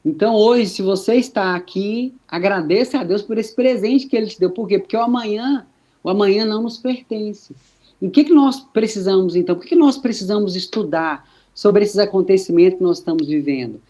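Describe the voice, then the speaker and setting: A man preaching a sermon, slow and emphatic with many rhetorical questions. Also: sits high, warm tone.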